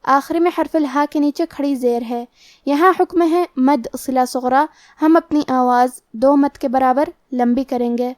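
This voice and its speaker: A woman with a high voice teaches recitation rules at a slow, careful pace. The sound is dry and close, with no room around it. She walks through each rule step by step. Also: darkish tone, dry recording. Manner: slow, measured explanation with drawn-out demonstration words. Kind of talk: tajweed lesson, explaining rules in Urdu.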